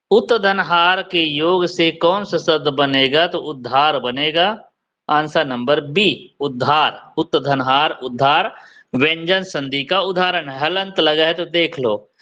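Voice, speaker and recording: A man teaching Hindi grammar in an online class, slowly drilling letter sounds and quizzing his students. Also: on the high side, sharp tone, lo-fi sound.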